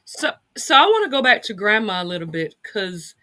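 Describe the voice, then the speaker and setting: A woman hosting a conversational interview, asking measured questions and affirming her guest. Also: mid-range voice, very animated, bright, forceful tone. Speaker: interview host.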